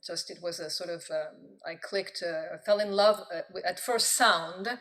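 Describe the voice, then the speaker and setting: Low-voiced woman, thoughtful guest. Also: steady tone, moderate pace, a bit bright. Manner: thoughtful, with frequent ums. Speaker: guest, professor and poet. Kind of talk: interview answers.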